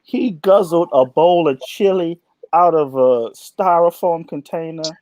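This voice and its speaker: A man's voice: a little high, unhurried, no echo. A man in his late twenties, co-hosting a casual chat show, telling stories with a playful, teasing manner. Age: 20s. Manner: animated storyteller, playful teasing. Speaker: co-host.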